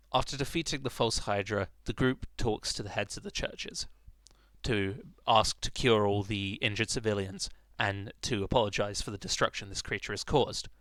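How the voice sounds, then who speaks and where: A man's voice: fairly low pitch, sharp tone, no echo. A man narrating an informal recap of a tabletop game in a dramatic, emphatic storytelling manner.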